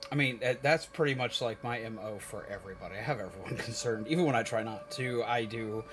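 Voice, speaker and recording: Talking fast in a medium-pitched voice, a man hosts a casual livestream, addressing viewers with playful theatrics and overdone emphasis. Music plays in the background throughout.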